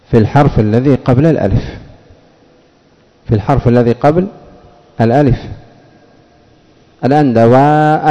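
A man with a dark, mellow voice teaches a grammar lesson. He poses questions and answers them himself, and he draws out the example words slowly. His voice rings with a long reverb. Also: medium pitch, dull audio. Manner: slows and stresses example words. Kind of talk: classroom lesson.

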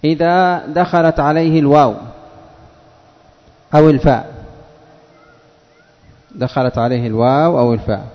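A male teacher giving a classroom lesson, patiently asking questions and repeating words slowly for his students. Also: a little high, steady tone. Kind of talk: classroom lesson on Arabic spelling. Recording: dull lo-fi recording, long reverb of a hall.

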